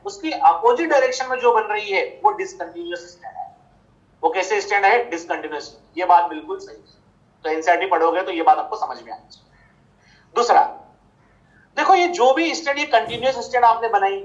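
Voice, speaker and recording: A man teaching a biology class online, asking rhetorical questions and answering them himself, repeating the key points. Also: high voice. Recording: slightly dull lo-fi audio.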